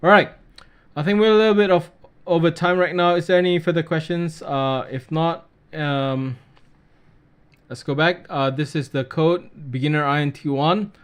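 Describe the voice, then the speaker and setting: A man hosting a live trading webinar, reading out viewer questions and answering them in a casual, relaxed way. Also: a little high, normal speed, clear, resonant tone. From Australia.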